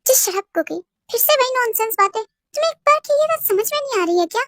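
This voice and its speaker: An impatient young man, as a woman puts him on snaps in a sharp, exasperated way. The voice is extremely high, and the sound is close and dry. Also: animated, fairly quick, no echo. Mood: angry. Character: young man, impatient protective twin brother.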